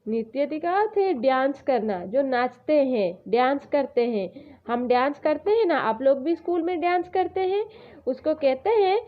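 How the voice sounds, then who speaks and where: A woman teacher explaining words to schoolchildren in an online lesson, repeating each meaning slowly and mixing in English words. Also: sits high, expressive, lo-fi sound. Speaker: Sanskrit teacher.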